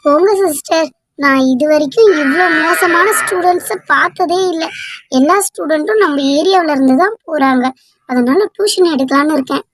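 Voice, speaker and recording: A stern young schoolteacher in a cartoon, grumbling about her lazy pupils, as a woman voices her. the voice is high and firm. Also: normal speed, lightly acted. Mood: complaining. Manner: complaining, firm.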